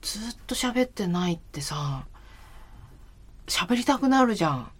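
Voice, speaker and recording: Chatty woman with a lively voice. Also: mid-range voice, a little slow, husky. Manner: chatty, agreeable, lots of backchannel nods. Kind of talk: casual chat.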